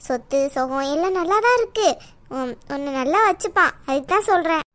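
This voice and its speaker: High-voiced cartoon auntie , woman doing her, nagging and coaxing about a match. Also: expressive, brisk, a bit bright. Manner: coaxing, insistent, talks at length. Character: chatty middle-aged village auntie, pushy matchmaker. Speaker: married neighbour acting as matchmaker. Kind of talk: cartoon voice acting.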